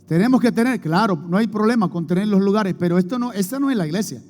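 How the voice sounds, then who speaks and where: A man's voice: high-pitched, fast talker, darkish tone, slight background noise. A man preaching a sermon as pastor, emphatic, calling on the congregation to repeat after him and answer. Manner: emphatic preaching with call-and-response prompts to the congregation. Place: church hall before a congregation. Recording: long hall reverb, faint music behind.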